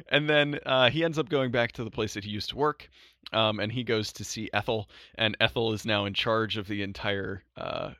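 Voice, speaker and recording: A man's voice: lowish voice, fairly even intonation, moderate pace, bright, forceful tone, no room sound, studio quality. A man hosting a podcast in casual chat, laughing often and acting out quotes. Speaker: podcast host.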